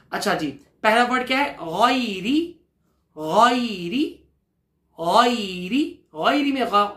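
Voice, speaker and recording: A man teaching Quran recitation. He chants each word slowly and draws it out, has the listener repeat after him, then explains briskly and answers his own questions. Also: high-pitched, bright, forceful tone, echoey room. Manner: patient, asks questions to the listener and answers them himself. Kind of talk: recitation lesson with call-and-repeat.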